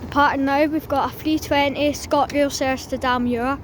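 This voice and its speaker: A woman's voice: sits high, steady tone, moderate pace. A woman giving casual, informal running commentary on trains to her viewers from an outdoor station platform. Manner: informal, addresses viewers as guys. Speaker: trainspotting vlogger. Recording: noisy outdoor recording.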